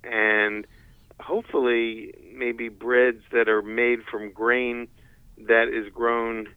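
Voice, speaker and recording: A man answering as a guest expert in an interview, halting with many hesitations. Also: mid-range voice, level tone, clean tone, no room sound. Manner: halting, lots of uh's. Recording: tinny phone line.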